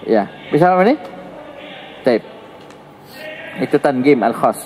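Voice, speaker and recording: A male teacher with an Indonesian accent gives an Arabic grammar lesson in casual classroom talk, speaking slowly. He's lively and joking, swinging his pitch up and down to demonstrate intonation. The rough recording has a big-room sound and slight background noise.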